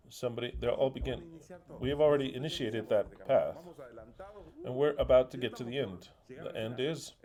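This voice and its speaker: Preaching a sermon in an Argentinian accent, this man has a mid-range voice. He drills his listeners to repeat phrases after him, moving between loud emphasis and quiet asides.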